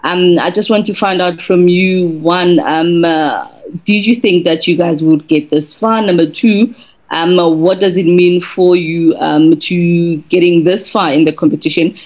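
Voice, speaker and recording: A woman's voice: lowish voice, fairly even intonation, unhurried, darkish tone, rough recording. A woman sports journalist putting a polite, orderly question at a press conference.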